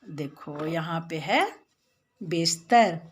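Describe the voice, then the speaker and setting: A woman's voice: low voice, expressive, very slow, breathy edge. Indian lady teaching little kids, patient, explains step by step, repeats words a lot. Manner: addresses the children directly. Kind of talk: Hindi lesson for young children.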